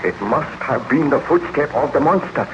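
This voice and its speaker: A man's voice: mid-range voice, expressive, moderate pace, lightly acted. A man acting a haunted, melodramatic Baron Frankenstein. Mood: urgent, grave. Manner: melodramatic, declamatory, solemn. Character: haunted, remorseful baron and scientist confessing his crimes. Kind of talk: 1930s radio horror acting. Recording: dull, noisy old 1930s radio recording.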